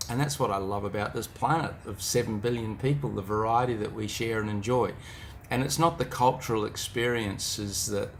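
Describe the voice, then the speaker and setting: Addressing the listener directly, a middle-aged man with a New Zealand accent offers reflective, informal motivation. His voice sits lowish, and a bit of background noise is present.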